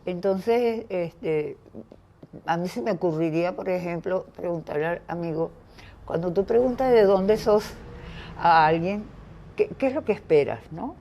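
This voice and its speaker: Older woman, thoughtful and mellow. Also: lowish voice, lively intonation, a little hiss or hum. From Venezuela. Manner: thoughtful, pauses to search for words. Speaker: interview guest. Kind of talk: reflective conversation.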